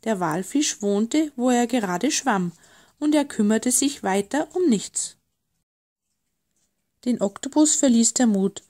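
A woman narrating a children's storybook in a gentle, expressive way. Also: fairly high pitch. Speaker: audiobook narrator.

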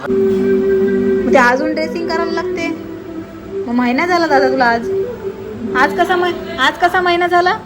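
High-voiced chatty woman. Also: measured pace, pauses often, over loud music. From Alibag, Maharashtra. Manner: chatty, teasing, playfully scolding. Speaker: vlogger. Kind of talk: casual vlog narration and chat. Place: outdoors in a coastal fishing village. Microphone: handheld phone with headphones. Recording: noisy outdoor phone recording.

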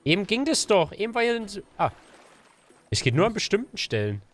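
A German man chatting excitedly while playing a survival game, shouting and laughing often. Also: high-pitched, a little fast, soft background music. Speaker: gaming YouTuber. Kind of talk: let's play banter.

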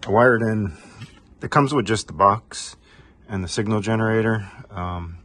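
A middle-aged HVAC technician casually demos a homemade test tool at his home garage workbench, relaxed and rambling with lots of fillers. His fairly low voice is a little slow with no echo, picked up by the camera mic while he stands off-frame behind it.

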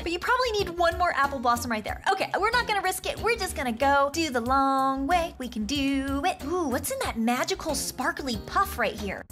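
A young woman hosting a kids' gaming video, giving bubbly, exclamatory, sing-song commentary as she plays. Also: high-pitched. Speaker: gaming channel host. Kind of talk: excited kids' gameplay commentary. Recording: music playing behind.

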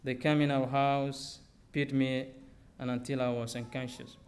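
A man's voice: medium pitch, little pitch movement, a little slow, darkish tone. Young man reading his story. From Somalia. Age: young adult. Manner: reads steadily from notes at a lectern, simple phrasing. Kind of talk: personal story read aloud on stage. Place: theater auditorium stage. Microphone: podium microphone.

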